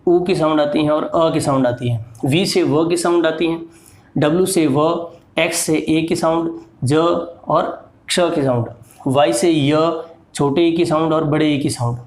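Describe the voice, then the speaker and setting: A man's voice: on the high side, a little slow, a little mellow, reverberant. A man teaching English to beginners, explaining each letter's sounds and patiently repeating words and examples. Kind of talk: slow explanatory lesson.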